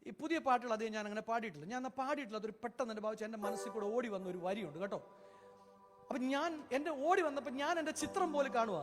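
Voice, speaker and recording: A man from Kerala preaching a sermon as an evangelist, telling a story fervently and swelling to loud cries. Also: extremely high pitch. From Kerala, India.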